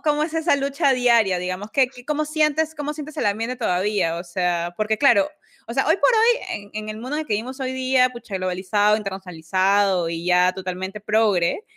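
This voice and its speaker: A woman's voice: a little high, fairly bright tone. Chatty woman hosting an interview. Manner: chatty, lots of filler words. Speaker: host.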